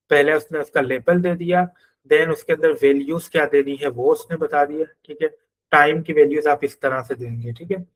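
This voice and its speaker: A man's voice: fairly high pitch, low-quality recording. A man with a Pakistani Urdu accent teaching a coding class, explaining each step and thinking aloud as he works through code on screen. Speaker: programming teacher.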